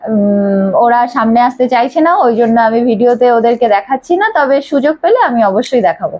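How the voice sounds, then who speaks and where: A woman's voice: on the high side, darkish tone, muffled recording. A woman teaching pronunciation in a classroom, patiently repeating each sound over and over. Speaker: English teacher. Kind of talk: spoken lesson to a small class. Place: classroom with a board.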